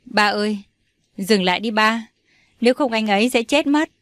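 A woman's voice: mid-range voice, moderate pace, a bit bright, dry recording, lightly acted. A young daughter who tearfully begs her father for mercy, as a woman reads her. Her pleas sound imploring and desperate, recorded dry and close for an audio storybook.

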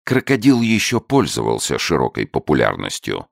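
A man reads an audiobook in a very deep, gravelly voice, slow and measured. His pitch still moves in lively arcs as he gives the story expression. The sound is dry and close to the mic. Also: no echo. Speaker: narrator. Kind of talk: audiobook narration.

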